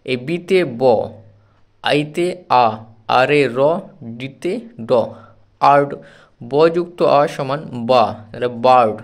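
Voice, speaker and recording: A man's voice: medium pitch, takes it slowly. A man, patiently spelling out English words letter by letter in a phonics lesson for children. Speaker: English teacher.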